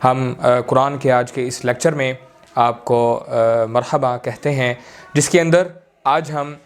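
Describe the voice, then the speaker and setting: A man teaching Quran reading in a slow, deliberate way, drawing out syllables and using many fillers. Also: mid-range voice, steady tone, smooth. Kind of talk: slow recorded lesson.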